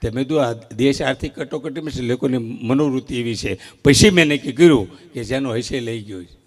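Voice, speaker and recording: A man's voice: medium pitch, fairly quick. Man telling jokes on stage. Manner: animated joke-telling, acting out short quoted exchanges. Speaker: stand-up comedian at a folk stage show. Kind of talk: live comic storytelling on stage. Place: live outdoor stage event before an audience.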